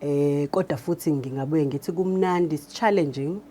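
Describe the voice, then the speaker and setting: A radio drama director with a South African accent explains her work in an interview, switching between Zulu and English. Her voice is deep with a dark tone and a moderate pace, and the recording has a little hiss or hum.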